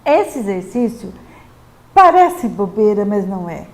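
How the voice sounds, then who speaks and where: A woman with a Brazilian Portuguese accent giving a patient, clear lesson to parents on helping children speak correctly. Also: medium pitch, big pitch swings. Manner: patient, explanatory, models words slowly and clearly. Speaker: literacy teacher advising parents. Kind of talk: instructional talk to parents.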